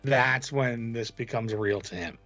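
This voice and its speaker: A man's voice: medium pitch, measured pace, gravelly, fairly bright tone, dull audio, faint music behind. A man co-hosting a movie review podcast, blunt and exasperated, swearing casually. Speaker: podcast co-host.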